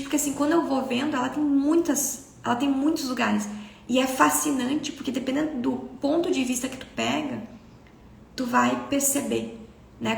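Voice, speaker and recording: A woman's voice: sits high, gravelly, echoey room, slight background noise. A Brazilian woman hosting a casual live stream, talking earnestly and expressively about spiritual healing and telling personal stories. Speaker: spiritual self-development host.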